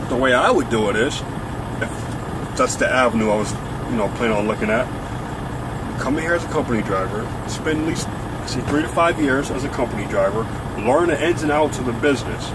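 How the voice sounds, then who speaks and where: Trucker on a poor low-quality stream. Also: male voice. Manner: plainspoken, repeats and restarts phrases. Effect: poor low-quality stream audio. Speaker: truck driver. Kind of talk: casual vlog talk. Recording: low-quality stream with loud road noise.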